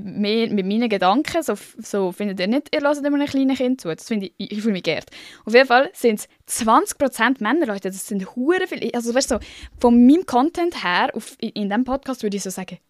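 A woman's voice: a little high, no echo, clean studio sound. A young woman with a Swiss German accent hosting her own podcast in casual, slangy, self-mocking solo chat full of fillers. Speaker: podcast host.

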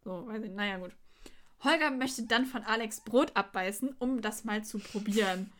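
A woman's voice: fairly high pitch, moderate pace, fairly bright tone. A young woman co-hosting a podcast, chatting casually and retelling scenes with quoted lines and frequent laughter. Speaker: podcast co-host. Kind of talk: casual chat recapping an episode.

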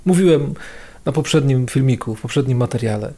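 A man's voice: mid-range voice, fairly quick, vocal fry, warm tone. A man giving a casual video sermon as a priest, talking in a conversational, slangy way and repeating phrases for emphasis.

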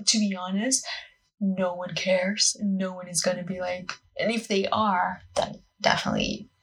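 A young Portuguese woman of about twenty, an acting student hosting her own podcast, chats casually and alone with a Portuguese accent. Her mid-range voice is gravelly and slightly rough, and the audio is poor. She comes across as self-conscious and scattered, rambling and saying "like" often.

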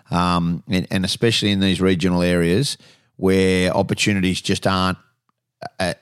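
A man's voice: low voice, clear, resonant tone, no room sound, clean studio sound. A man with an Australian accent hosting regional radio, talking in a conversational, emphatic way and often repeating phrases. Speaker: radio host. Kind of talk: regional radio interview and announcements.

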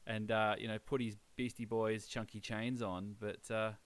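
A man's voice: on the low side, little pitch movement, normal speed. An Australian man hosting a podcast in casual chat, with a laconic, laid-back drawl. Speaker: podcast host.

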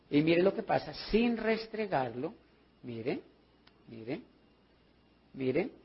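Husky high-voiced Colombian man. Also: lo-fi sound. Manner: lively storyteller acting out his dialogues. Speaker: sales trainer. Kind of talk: training talk with anecdotes.

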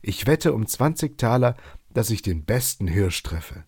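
A man's voice: on the low side, big pitch swings, measured pace, a little mellow, slightly rough, no echo, studio quality, full character voice. A man voicing a hot-tempered eighteen-year-old archer with defiant, boastful retorts in a storybook reading. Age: young adult.

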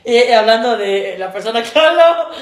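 A young woman, co-hosting a podcast in casual chat and telling stories quickly, often laughing. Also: on the high side. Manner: fast, laughing, animated storytelling. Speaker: podcast co-host and stand-up comedian. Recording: roomy echo.

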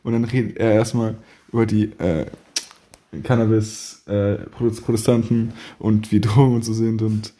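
A man's voice: on the low side, little pitch movement, moderate pace, mellow. A young man chatting casually on a podcast, rambling with slang and laughing a lot. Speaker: podcast host.

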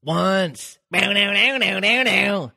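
A man's voice: sits high, takes it slowly, gravelly, bright, forceful tone, dry recording, studio quality, voice pushed up, full character voice. A man voicing a mournful male turtle who croons his tale in a sing-song way. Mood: mournful crooning.

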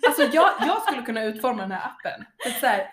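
A woman chats casually and rants with plenty of energy, slipping into quick impressions of other people. Her voice sits on the higher side. The room around her is echoey. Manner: animated, ranting, mimics people. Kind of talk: casual chat.

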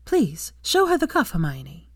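A woman's voice: mid-range voice, huge pitch swings, a little slow, no room sound, studio quality. A woman voicing a cool aristocratic mother who speaks with bored command. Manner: bored, chiding.

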